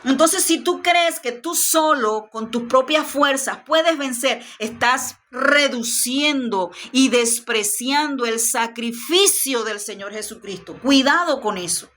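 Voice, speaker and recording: Slow, emphatic woman teaching scripture. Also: high voice, fairly bright tone. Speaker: Bible study teacher. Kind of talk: Bible study lesson.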